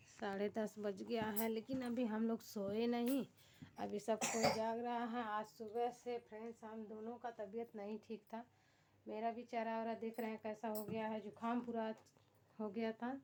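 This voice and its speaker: A woman's voice: medium pitch, a little mellow, a little hiss or hum. A woman with a Bhojpuri-tinged Hindi accent, chatting casually to her viewers from home at night. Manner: chatty, addresses viewers as friends. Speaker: family vlogger.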